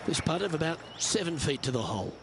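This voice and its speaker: A man's voice: on the high side, sing-song, fast talker, noisy background. A man working as a golf commentator, calling play shot by shot in a game broadcast. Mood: measured.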